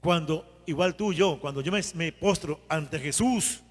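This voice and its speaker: A male priest giving a homily in a conversational, animated way. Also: fairly high pitch, a little slow, in a large hall. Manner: conversational, animated retelling with acted quotes.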